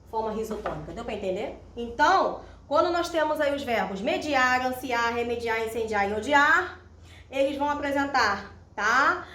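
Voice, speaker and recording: Brief: Brazilian woman teacher with a higher voice, patient and step-by-step, picked up from afar in a roomy space. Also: a bit bright. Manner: patient, explains step by step, checks in with "tá?". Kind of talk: recorded classroom grammar lesson at a whiteboard. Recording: roomy echo, distant mic, faint hiss.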